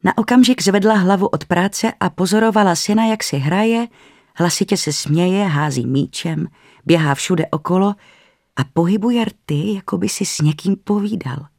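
A narrator reading a spooky family story in an even, measured way. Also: medium pitch, creaky, no echo, studio quality.

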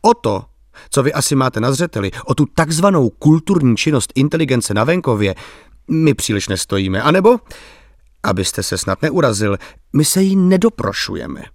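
A man's voice: medium pitch, sing-song, no room sound, clean studio sound, lightly acted. A man voicing a bitter, ironic, middle-aged village intellectual who speaks politely but with an edge.

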